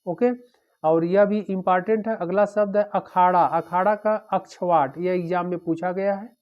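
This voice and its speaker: A man teaching an exam-prep lecture, drilling through word pairs one after another in a steady, repetitive way. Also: sits high, moderate pace. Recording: dull lo-fi recording.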